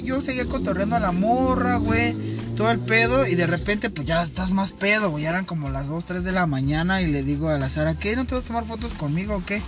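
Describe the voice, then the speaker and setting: High, lively Mexican man in slangy banter. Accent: Mexican Spanish. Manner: crude slangy banter, says güey constantly. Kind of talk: casual chat.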